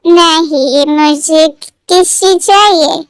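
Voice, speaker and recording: A woman voicing a tipsy, sulky young woman in love, reading a fan fiction story aloud, with pouty, drawn-out lines. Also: very high-pitched, no echo.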